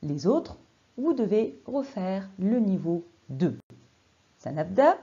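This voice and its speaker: A woman teacher drilling young children through a dictation lesson, sounding out syllables slowly and exaggeratedly and quizzing the class with encouraging questions. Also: medium pitch, big pitch swings, dark tone, breathy edge, highs cut off.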